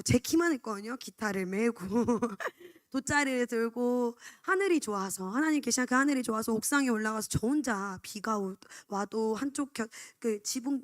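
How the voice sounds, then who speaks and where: Young woman telling her church testimony, kinda high voice, dry sound, really open and honest. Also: dry recording. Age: 20s. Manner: candid, confessional storytelling. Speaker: church education staff member. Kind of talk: personal testimony.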